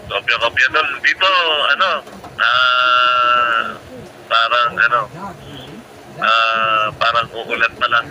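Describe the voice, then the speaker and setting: A man's voice: medium pitch, little pitch movement, slow pace, bright, forceful tone, lo-fi sound. A man talking over a two-way radio during a station-to-station chat, using procedure words and hesitant fillers. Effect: heard over a two-way radio. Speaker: radio operator on a distant station.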